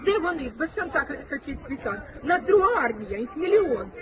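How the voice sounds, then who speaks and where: Agitated high-voiced man in a street crowd. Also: sing-song, fairly quick. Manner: agitated, complaining. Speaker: bystander. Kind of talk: heated street talk. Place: outdoor street. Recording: far off, loud crowd noise.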